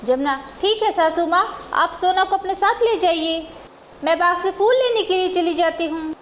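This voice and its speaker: A kind young village daughter-in-law, voiced by a woman, in a children's storybook. She talks soothingly and with affection, in a very high voice over faint ambience. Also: moderate pace, a bit bright, slight background noise. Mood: gentle.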